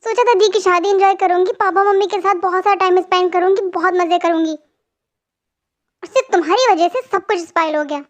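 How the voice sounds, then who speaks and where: A woman's voice: very high-pitched, fairly even intonation, moderate pace, highs cut off. A young woman voicing a spoiled, homesick young bride who bickers and sulks, in a spoken fan storybook. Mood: hurt. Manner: sulky, bickering.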